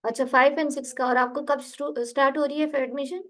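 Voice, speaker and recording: High-voiced woman coaching a student. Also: fairly even intonation, quick pace, a bit bright, rough recording. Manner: patient, coaching, corrective. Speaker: English test tutor. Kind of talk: online tutoring session.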